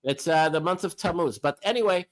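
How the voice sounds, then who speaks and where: A man in his fifties chatting casually outdoors, halting and full of fillers and restarts. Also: fairly high pitch, rough recording. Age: 50s. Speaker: homeless livestream regular. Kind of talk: casual chat on a livestream.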